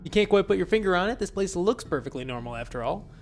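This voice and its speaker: Man on a let's play, fairly high voice, dry wry asides, faint music behind. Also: expressive, quick pace. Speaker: let's player. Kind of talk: reading game text aloud with commentary.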